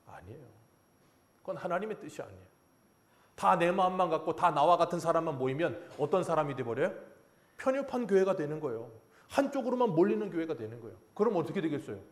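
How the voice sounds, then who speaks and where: Animated Korean male pastor preaching. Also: on the high side. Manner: animated preaching, acts out God's and Jonah's lines, chuckles at himself. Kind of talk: sermon.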